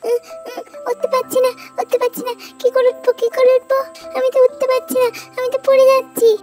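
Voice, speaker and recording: A woman voicing a mischievous little child in a storybook doll story, calling out in a high, whiny way. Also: monotone, quick pace, darkish tone, soft background music. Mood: playful. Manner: high childish whining calls.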